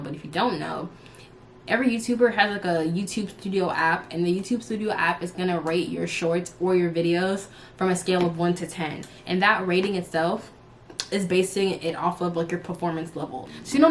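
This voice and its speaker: In her early twenties, a YouTuber and live streamer chats casually and unscripted to her followers, rambling in a candid, slangy way. Her voice is fairly low-pitched, with a little hiss or hum on the recording.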